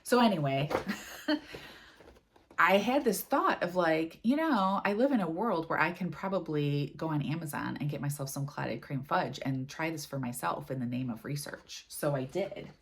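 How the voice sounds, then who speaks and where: Woman from the US, low voice, casual rambling craft vlogger. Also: animated, normal speed, slight background noise. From United States. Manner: chatty, rambling, full of "like" and "um". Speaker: cross-stitch vlogger. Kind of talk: casual chat.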